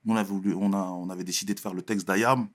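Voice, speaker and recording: A young man from Marseille with a Marseille accent, chatting casually in an interview, full of street slang and quick laughs. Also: low voice, steady tone. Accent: Marseille French. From Marseille, France. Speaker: interviewee, rapper.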